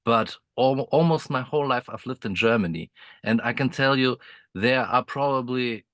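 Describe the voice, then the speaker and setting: A man's voice: medium pitch, normal speed, a bit bright, no room sound. Chatty man on a video call from a motorhome. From Croatia. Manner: friendly, laughs often, many restarts and fillers. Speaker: guest composer. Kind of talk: casual interview chat. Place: inside a motorhome.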